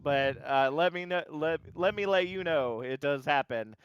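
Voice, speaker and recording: A man doing live play-by-play for an esports broadcast. His voice sits slightly high, and he talks in a loose, chatty way with plenty of "uh"s and restarts. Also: normal speed, muffled recording. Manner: chatty, hesitant fillers. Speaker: esports caster.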